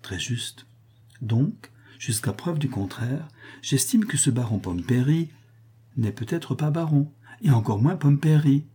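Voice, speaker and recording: A man's voice: medium pitch, lively intonation, a little slow, mellow, breathy edge, pitched above the performer's own voice. A man voicing a shrewd, coolly logical male detective in an audiobook, reasoning aloud in a lofty, didactic way. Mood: lecturing. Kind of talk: audiobook reading of a detective novel.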